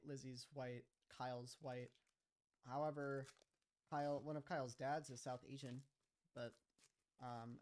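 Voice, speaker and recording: A man's voice: mid-range voice, darkish tone. A young man streaming live, chatting casually about his own series and rambling with lots of "like" and "kinda". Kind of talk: casual livestream chat.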